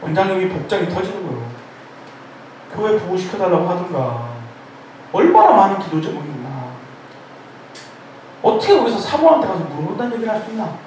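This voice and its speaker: Loud, lively Korean pastor in an echoey church. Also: male voice, high voice, a little fast, long pauses. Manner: animated, joking storytelling, calls himself loud. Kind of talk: informal sermon at a prayer meeting. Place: church sanctuary. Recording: echoey church hall, distant mic, faint noise.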